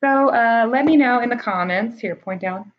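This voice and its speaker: A slightly high-voiced American woman, speaking at a moderate pace, presents books to camera like a teacher in a casual, explanatory chat, hesitating and thinking aloud. The recording is dull and muffled, with background room noise.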